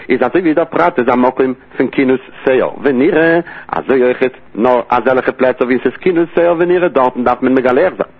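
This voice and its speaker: Husky man teaching Talmud over a tinny line. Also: medium pitch. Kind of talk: Talmud study lesson. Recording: tinny phone-line audio.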